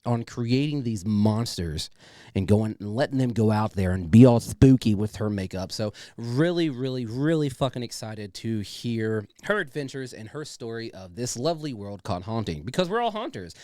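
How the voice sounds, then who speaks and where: A man's voice: medium pitch, expressive, moderate pace, dark tone, no room sound, studio quality. A man hosting a podcast in a casual, chatty, enthusiastic way with informal, sweary talk. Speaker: podcast host. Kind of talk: casual chatty show introduction.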